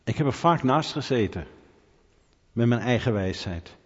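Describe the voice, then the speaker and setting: A middle-aged man preaching a conversational sermon, asking rhetorical questions and building to animated emphasis. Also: medium pitch, normal speed, breathy edge. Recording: dull hall reverb.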